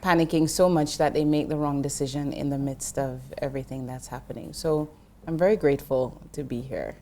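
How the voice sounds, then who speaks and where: This interview guest, a middle-aged Jamaican woman working as an investment professional, earnestly explains finance and keeps restarting as she goes. She talks briskly in a low-pitched, slightly mellow voice with fairly even intonation.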